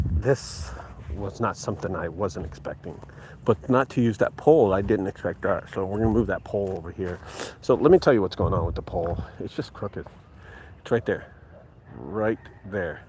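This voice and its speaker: An easygoing junk removal business owner in his forties walks through an open rural property outdoors for a casual vlog. His voice is low, his manner relaxed and chatty, and he says "dude." There's slight background noise.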